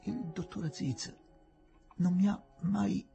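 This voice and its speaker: A man voicing a young Englishwoman, a witness who speaks in a hesitant, halting way. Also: sits high, fairly even intonation, gravelly, mellow, faint music behind, voice pushed up, exaggerated voice.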